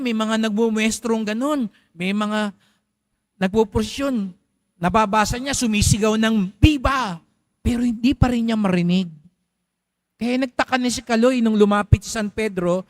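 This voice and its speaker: A man's voice: high voice, no room sound, clean studio sound. A Filipino priest in church, telling a story during his homily and asking the congregation questions in a conversational way.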